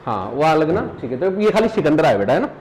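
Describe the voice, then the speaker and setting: A man with a Pahari-tinged Hindi accent teaches a live revision class, his fairly high voice swinging widely up and down as he drills facts over and over. He keeps tossing rhetorical questions at his students and cracks small jokes along the way. A faint hiss of room noise sits behind him. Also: big pitch swings, fast, darkish tone, poor audio. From Uttarakhand hills. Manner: calls students "beta", jokes and laughs while teaching.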